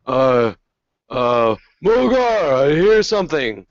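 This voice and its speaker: A dim half-ogre guard drawls slowly, sounding puzzled, in a tabletop game, voiced by a man. The recording is dull and dry. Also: mid-range voice, very animated, no echo, pitched above the performer's own voice.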